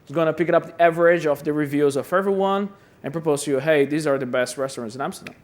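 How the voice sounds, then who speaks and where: Here a Brazilian conference speaker, whose voice is a little high, moves at a quick pace. His talk in the conference hall is chatty and self-effacing, marked by frequent word repetition.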